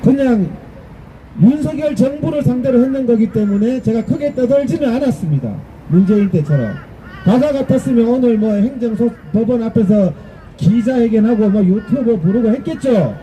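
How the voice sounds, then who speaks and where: Very high-voiced man giving a fiery speech. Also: animated, normal speed, a little hiss or hum, rough recording. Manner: combative, rhetorical, rising to shouts. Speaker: political rally speaker. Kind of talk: impassioned political speech to a gathering. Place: public gathering with a live audience.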